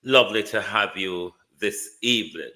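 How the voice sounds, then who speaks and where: Bright, forceful low-voiced Jamaican man. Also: normal speed. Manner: theatrical, indignant, swinging between calm and heated. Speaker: live-stream political talk show host. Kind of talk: live political commentary to viewers.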